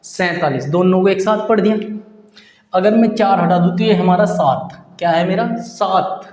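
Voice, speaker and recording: High-voiced man teaching maths in an echoey room. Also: a little mellow. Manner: asks pupils questions and answers them himself; repeats key terms slowly, counting out numbers. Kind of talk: classroom lesson at a board.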